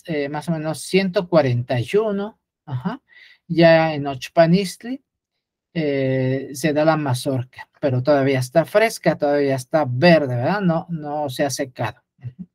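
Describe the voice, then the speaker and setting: A man's voice: fairly high pitch, a little slow, a little mellow, no room sound, studio quality. A man gives an unscripted lecture, often hesitating with fillers and restarts while pointing things out on a chart.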